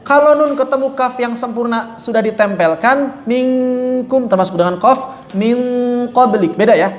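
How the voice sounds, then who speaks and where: A man's voice: very high voice, normal speed. A man teaching Quran recitation, correcting common mistakes and demonstrating right and wrong readings aloud. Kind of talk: tajwid lesson with recited examples. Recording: roomy echo.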